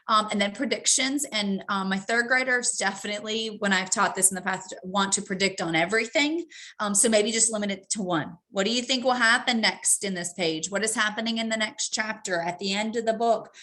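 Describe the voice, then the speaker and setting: A woman's voice: mid-range voice, pushed and bright. A woman presenting a professional development talk to teachers, practical and repetitive, with frequent ums. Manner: practical, repeats key points, frequent ums. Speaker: teacher trainer.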